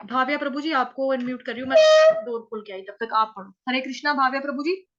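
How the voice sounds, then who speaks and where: A woman from North India teaching scripture chanting in an online class, explaining pronunciation syllable by syllable and chanting words slowly. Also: high voice, sing-song, muffled recording. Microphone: video call.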